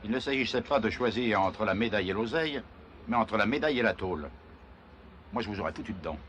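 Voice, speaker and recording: Stern, lowish official. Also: male voice, animated, fast, fairly bright tone, dull audio, slight background noise. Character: stern, menacing, formal official. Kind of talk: film drama acting.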